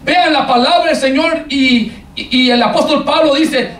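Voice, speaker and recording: High-voiced preacher, slow and echoey. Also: male voice, fairly bright tone. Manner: halting, repeats words while searching; addresses the congregation directly. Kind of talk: sermon. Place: church hall. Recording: echoey room, far from the mic.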